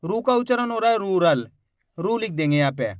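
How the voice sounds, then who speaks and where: A man teaching a reading lesson, slowly sounding out each syllable and encouraging viewers to follow along. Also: sits high, animated, no room sound, clean studio sound. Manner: slow, syllable-by-syllable spelling out of words; addresses viewers directly as friends, encouraging.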